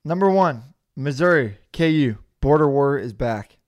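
A young man hosting a casual sports podcast from home, bursting into loud announcer bits. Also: mid-range voice, expressive, a little slow, lo-fi sound. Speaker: podcast host.

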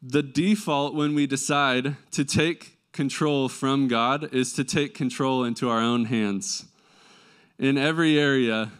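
A man delivers a sermon in a clear, smooth voice with a nasal tinge from a mild cold. He moves between reading scripture and explaining it conversationally, often checking in with rhetorical questions. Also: mid-range voice. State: slight head cold. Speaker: preacher.

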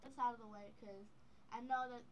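A woman's voice: fairly high pitch, fairly even intonation, a little fast, slight background noise, rough recording. A young woman with speech slightly impeded by dental braces, rambling candidly in a casual podcast chat. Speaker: podcast co-host.

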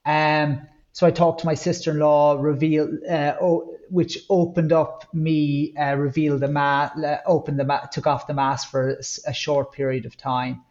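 A man with a Kerry accent from the west of Ireland, telling personal stories as a podcast guest, haltingly and with words repeated for emphasis. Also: a little high, flat delivery, a little mellow, lo-fi sound. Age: 30s or older. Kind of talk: candid personal storytelling in conversation.

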